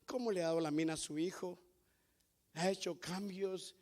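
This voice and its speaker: A man's voice: high-pitched, fairly even intonation, moderate pace, darkish tone, lightly acted. A preacher voicing a mine supervisor complaining respectfully to his boss. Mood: aggrieved. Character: aggrieved older male mine supervisor.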